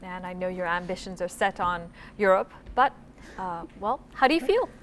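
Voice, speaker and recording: A woman's voice: lowish voice, animated, moderate pace, slight background noise. A woman hosting a quiz show, moving between scripted questions and talk with contestants.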